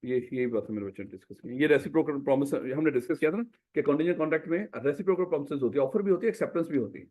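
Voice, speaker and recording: Male teacher, higher voice, lively pitch, keeps quizzing the class. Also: racing, few pauses. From Pakistan. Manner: lively, asks the class questions and answers them himself; calls students "my child". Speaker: business law teacher. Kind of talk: classroom revision lecture.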